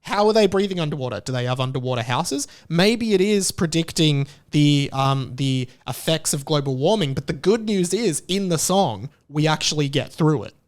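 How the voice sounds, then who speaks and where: A young Australian man hosts his own podcast, talking casually and tossing in jokey, playfully opinionated asides. His voice is a little high for a man, smooth and resonant, animated at a normal speed with few pauses.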